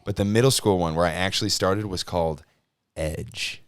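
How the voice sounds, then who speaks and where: A man's voice: low-pitched, moderate pace, clear, resonant tone, no room sound. A young man co-hosting a podcast, chatting casually, laughing often and saying dude a lot. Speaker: podcast co-host. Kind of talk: casual chat.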